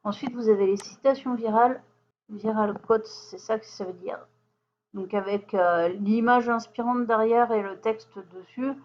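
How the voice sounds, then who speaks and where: A woman's voice: a little high, a little slow, lo-fi sound, a little hiss or hum. Chatty woman with many fillers. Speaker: software tutorial host. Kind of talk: screen-share software walkthrough.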